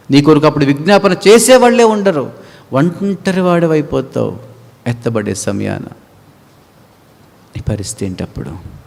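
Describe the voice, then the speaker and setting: Impassioned Telugu-accented preacher in a reverberant hall. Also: male voice, vocal fry. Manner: swings between hushed low asides and loud high-pitched cries, acting out pleading voices. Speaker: preacher at a youth meeting. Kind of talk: impassioned sermon. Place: church prayer hall.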